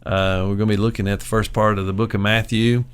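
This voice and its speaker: A man co-hosting a casual faith podcast, telling Bible stories in a relaxed, conversational way. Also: fairly low pitch, fast talker, clean tone. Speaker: co-host. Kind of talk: casual chat, Bible teaching.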